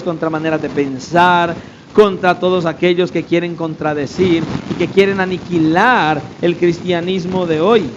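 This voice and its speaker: A man's voice: high voice, dull audio, slight background noise. A man pastor preaching a sermon, emphatic, throwing rhetorical questions at the congregation.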